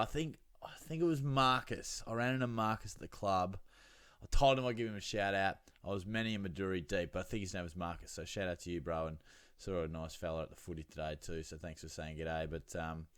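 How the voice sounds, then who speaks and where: Casting: Australian male host, fairly low voice, dry close sound, slangy laddish solo chat. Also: a bit bright, clear, resonant tone, dry recording. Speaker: fantasy football show host. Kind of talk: casual solo chat with anecdotes.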